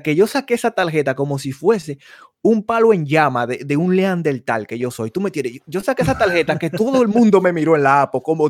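A man's voice: a little high, no echo, clean studio sound. A man, co-hosting a podcast in casual chat and rambling through stories, often checking that listeners follow him. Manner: rambling storyteller, keeps asking "tú me entiendes". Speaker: podcast co-host.

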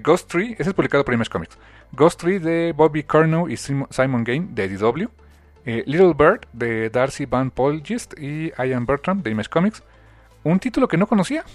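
A man hosting a comics podcast, chatting casually and rambling through filler pauses. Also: on the high side. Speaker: podcast host. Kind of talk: casual chat.

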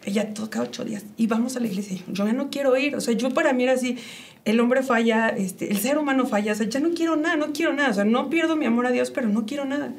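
A woman's voice: a little high, fast, vocal fry. A middle-aged woman, emotionally sharing her personal faith testimony and often quoting her own inner thoughts. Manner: emotional, with frequent fillers and quoted inner speech.

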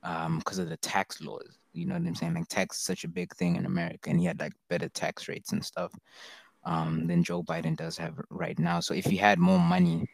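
A man's voice: low-pitched, monotone, a little fast, creaky, breathy edge, no room sound. A young man in casual chat, telling things in a rambling, slangy way. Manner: slangy, rambling storytelling, frequent "bro".

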